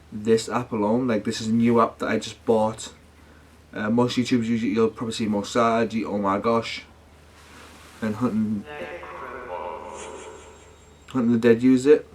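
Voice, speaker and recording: With slight background noise behind him, a man from the United Kingdom talks in a mid-range voice. As a paranormal vlogger, he addresses his viewers casually, rambling in slangy language and frequently correcting himself.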